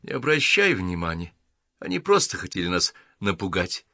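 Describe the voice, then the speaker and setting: A man reading an audiobook, voicing a brave young woman who talks in a lively, direct way. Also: sits low, normal speed, no room sound, clean studio sound, heavily acted. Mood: reassuring.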